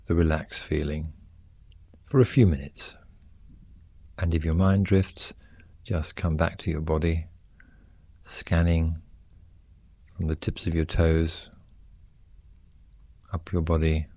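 Low voiced guy doing guided relaxation, soft husky edge, gentle and soothing. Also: no room sound. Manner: soothing, gently instructing with short unhurried phrases. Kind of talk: guided progressive muscle relaxation.

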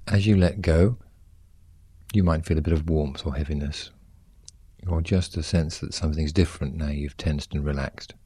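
A man leading a guided muscle relaxation exercise, giving gentle, soothing instructions in short, unhurried phrases. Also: very deep voice, slightly rough, no echo.

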